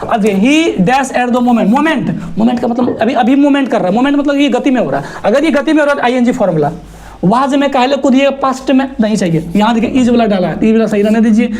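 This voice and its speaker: A male teacher runs an exam-prep grammar lesson in a lively, teasing way. He scolds with rhetorical questions and spells words out letter by letter. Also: very high-pitched, fast talker, slight background noise.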